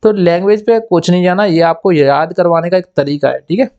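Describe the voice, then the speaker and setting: High-voiced man drilling exam memory tricks. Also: a little fast, lo-fi sound. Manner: repetitive, asks and answers own questions; acts out little scenes in quoted voices. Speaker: exam coaching teacher.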